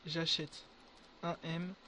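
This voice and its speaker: A young man giving casual gameplay commentary to his viewers, excitable and full of crude slang. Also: on the high side, slow pace, a little hiss or hum. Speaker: gaming video creator.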